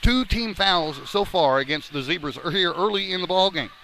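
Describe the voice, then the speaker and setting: In a noisy school gym, with a ball bouncing and game sounds clearly audible, a man gives live radio-style basketball play-by-play from courtside. His high voice is a bit breathless yet lively in intonation, moving at a moderate pace with a bright, forceful tone.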